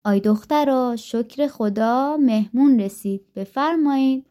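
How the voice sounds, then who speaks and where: A woman's voice: on the high side, mellow, lightly acted. A woman voicing a frightened old mother in a spoken folktale, with a fretful, wailing manner. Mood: nervously polite.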